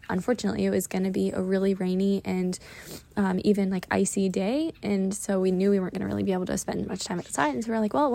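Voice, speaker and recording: A woman's voice: medium pitch, gravelly, dark tone. A woman in her thirties hosting a podcast, talking casually and encouragingly in a chatty, informal way. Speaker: podcast host. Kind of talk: casual solo podcast talk with tips. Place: outdoors.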